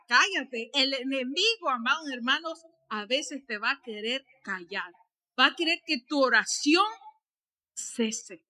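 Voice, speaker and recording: High bright animated woman preacher. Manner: animated preaching, rising to shouts and dropping to soft asides; frequent tag questions to the congregation. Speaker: pastor. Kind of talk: sermon. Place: church.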